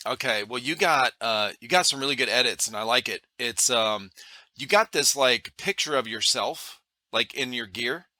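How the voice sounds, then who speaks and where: Bright, forceful male podcast host, dry sound. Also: mid-range voice, normal speed, dry recording. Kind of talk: casual interview chat.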